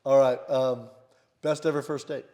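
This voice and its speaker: A man's voice: mid-range voice, fairly even intonation, warm tone. A man hosting a podcast interview with playful, teasing asides. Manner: playful, teasing, quick reactions. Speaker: podcast host. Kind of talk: casual interview.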